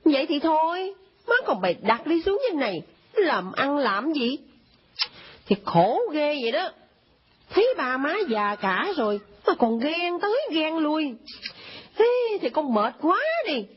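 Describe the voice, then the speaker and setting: An actress playing a weary grown daughter who pleads with her mother, with a breathy, raspy voice. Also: sits high, sing-song, unhurried. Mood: pleading. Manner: pleading, placating. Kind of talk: comedy skit acting. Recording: dull lo-fi recording.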